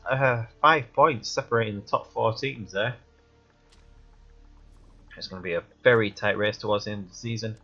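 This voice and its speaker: Sniffling and congested from a cold, this man plays a game and thinks out loud in rambling, casual commentary for a let's play. His voice is lowish, gravelly and a bit bright, captured in a dull lo-fi recording with faint background music.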